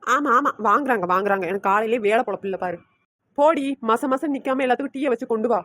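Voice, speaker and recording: A woman's voice: fast, a bit bright, no room sound. A woman voicing a nagging, sarcastic middle-aged mother-in-law in a cartoon. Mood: grumbling. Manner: scolding, sarcastic, shrill. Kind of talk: cartoon voice acting.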